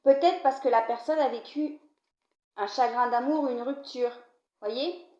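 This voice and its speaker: A French woman with a warm tone and a slightly slow delivery reads cards to camera tarot-style while nursing a cold and coughing. She talks directly and casually to the viewer, dropping in "d'accord?" often. It's recorded at home, sounding low, dull and roomy.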